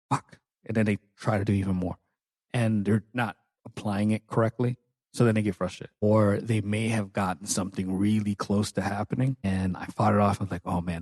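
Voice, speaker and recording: Low-voiced playful male jiu-jitsu coach. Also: darkish tone, dry recording. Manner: playful, joking, with crude language. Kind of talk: casual solo podcast monologue.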